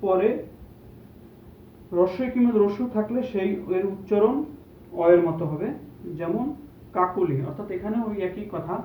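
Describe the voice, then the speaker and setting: A man teaching pronunciation, repeating example words slowly and asking rhetorical questions. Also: high-pitched, phone-quality sound, a little hiss or hum. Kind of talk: Bengali pronunciation lesson. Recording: echoey room, mic at a distance, faint ambience.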